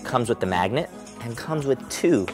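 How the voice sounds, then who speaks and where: A man hosting a science vlog, demonstrating a toy with excited, emphatic exclamations. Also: mid-range voice, moderate pace, over music. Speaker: host. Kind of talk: enthusiastic product demo vlog.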